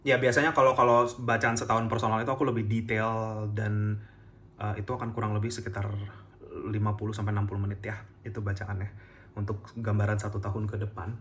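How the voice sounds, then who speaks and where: A man giving a casual, chatty tarot reading to camera, gentle and full of fillers and soft laughs. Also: lowish voice, level tone, quick pace, slight background noise. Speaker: tarot reader.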